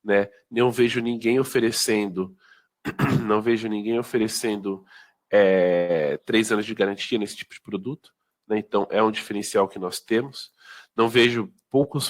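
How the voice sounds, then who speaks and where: A man with a fairly low voice and a Brazilian Portuguese accent walks sales staff through products. He talks informally, with frequent fillers and tag questions. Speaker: product presenter. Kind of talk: informal sales training talk.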